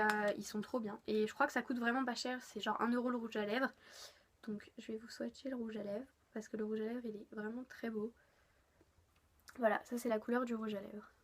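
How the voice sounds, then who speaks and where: A woman's voice: fairly high pitch, slight background noise. Gushing young woman beauty vlogger. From France. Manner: chatty, gushing, lots of fillers. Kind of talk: casual haul video chat.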